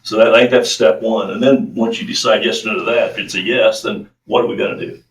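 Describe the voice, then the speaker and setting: A man serving as a county official, thinking out loud in a measured way during a public meeting. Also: fairly low pitch, steady tone. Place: county council chambers. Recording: echoey room, distant mic.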